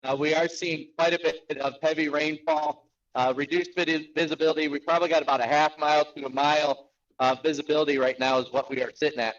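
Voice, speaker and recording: Lo-fi muffled connection, man, fairly high voice, storm chaser field report, halting, repeats himself. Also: flat delivery. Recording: dull, lo-fi remote connection.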